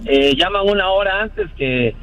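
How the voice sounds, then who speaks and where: A man calls into a radio show. He is a construction foreman who speaks in a high voice. He talks in a halting way, full of fillers. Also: expressive, bright, forceful tone, poor audio. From Colombia. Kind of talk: phoned-in radio call.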